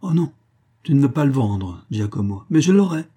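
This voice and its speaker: A man's voice: fairly high pitch, big pitch swings, moderate pace, dark tone, husky, voice pushed up. A man voicing a young, rich male scholar, polite but scheming, speaking in an insistent, emphatic voice.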